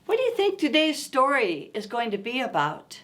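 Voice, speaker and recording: During a storytime, a woman reads a picture book to small children at a moderate pace, her voice sitting high. She's expressive and coaxing and keeps asking them questions.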